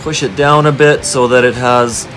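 A father in a home basement walking his kids through planting seedlings, explaining each step gently into a handheld phone camera. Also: mid-range voice, steady tone, normal speed, faint music behind. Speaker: parent gardening with his kids. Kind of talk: casual home video.

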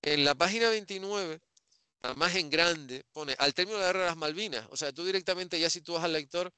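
Bright, crisp Spaniard on a video call. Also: male voice, on the high side, fairly quick, no room sound. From Spain. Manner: thoughtful, trailing restarts and hesitations. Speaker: interviewer. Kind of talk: casual video-call interview. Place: home room with bookshelves. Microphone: headset on a video call.

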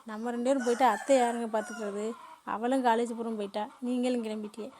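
Woman as cartoon daughter-in-law, young woman, gentle, polite, fast-talking. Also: on the high side, fairly even intonation, slight background noise, natural voice. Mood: reassuring. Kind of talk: home-made cartoon voice acting.

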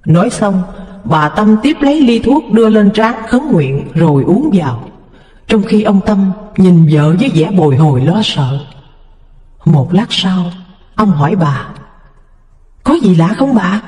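A man reads a devotional story aloud in a high, very lively voice, dramatic and expressive. His tone is mellow and dark, and the voice rings with a long reverb. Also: unhurried. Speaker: narrator. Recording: echoey, reverberant room.

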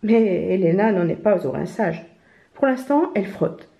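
A woman reading a children's picture book aloud in a gentle storytelling manner. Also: medium pitch, lively intonation, moderate pace, gravelly. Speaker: storybook reader. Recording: roomy, slightly dull home recording.

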